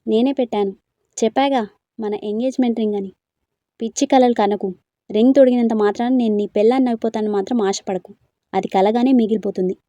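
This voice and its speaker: A woman reading a storybook, voicing a stubborn, quick-tempered young woman with sharp, scolding retorts. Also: a little high, fairly even intonation, no room sound, muffled recording, lightly acted. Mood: angry.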